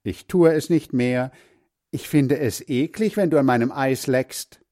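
A man's voice: fairly low pitch, very animated, moderate pace, mellow, breathy edge. A man voicing a cheeky, fickle little girl in a children's story. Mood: defiant.

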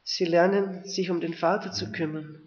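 A preacher reads a Bible passage aloud, commenting between verses and sometimes restarting his sentences. His voice sits high with a steady tone at a moderate pace, on a dull lo-fi recording.

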